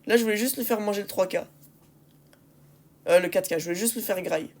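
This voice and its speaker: A woman gamer talks over a match in a casual, conversational style. She sounds exasperated, ranting at her teammates. She hammers points home with repeated phrases and rhetorical questions, at an ordinary female pitch. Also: fast talker, a little mellow. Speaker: gaming video creator commentating on match replays. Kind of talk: casual gameplay commentary.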